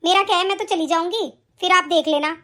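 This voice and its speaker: A stubborn, spoiled young married daughter, voiced by a woman in an animated story. Her voice sits very high, and she argues back with scorn and defiance. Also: fast talker. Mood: scornful.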